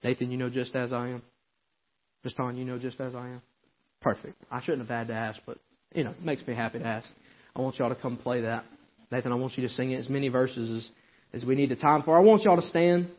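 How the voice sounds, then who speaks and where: A male preacher giving a sermon, swinging between hollering and a quiet, intimate tone. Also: mid-range voice, fairly even intonation, fairly quick, highs cut off. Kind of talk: Southern Baptist-style sermon. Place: church sanctuary.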